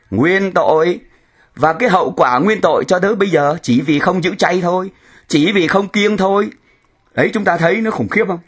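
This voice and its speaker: Husky, animated male preacher. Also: on the high side. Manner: emphatic, repeats words and rhetorical questions. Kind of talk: sermon.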